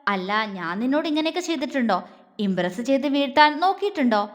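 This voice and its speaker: A woman voicing a playful, teasing young husband in a storybook audio drama, bantering in a low-key way. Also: sing-song, quick pace, big-room sound.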